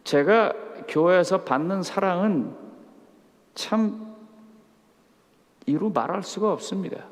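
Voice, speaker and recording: A man's voice: sits high, expressive, slow. A middle-aged man preaching a sermon as a pastor, telling humorous stories and acting out the dialogue. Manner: storytelling with humor, acts out quoted dialogue. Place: camp meeting hall. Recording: hall reverb.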